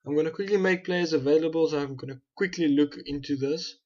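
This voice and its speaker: This young man's voice is a little high and darkish in tone, and he talks quickly; the recording is muffled. With a South African accent, he casually narrates his football management game for a gaming channel, thinking aloud and often correcting himself.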